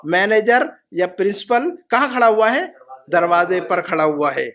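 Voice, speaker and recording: High-voiced male Arabic teacher. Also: animated, a bit bright. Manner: patient, repeats phrases slowly for students. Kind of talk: classroom lesson.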